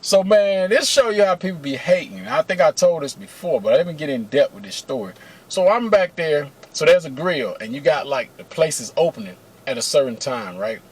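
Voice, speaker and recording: A middle-aged man telling a personal story to camera in a casual, animated way, full of slang and cursing, talking to viewers as y'all. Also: on the high side, normal speed, husky. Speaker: vlogger telling personal stories. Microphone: camera mic, close.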